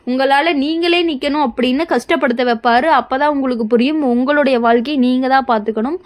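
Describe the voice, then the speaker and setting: A woman presenting a horoscope in a reassuring, scripted way, speaking straight to the listener. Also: high-pitched. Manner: reassuring, repetitive, direct address to listener. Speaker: astrology presenter.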